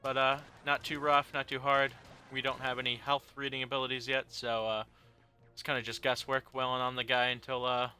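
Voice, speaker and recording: A man's voice: medium pitch, flat delivery, brisk, sharp tone, clear, resonant tone. A young man giving casual, rambling commentary on a video game he is playing, with joking asides and many fillers. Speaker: let's play host. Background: game music.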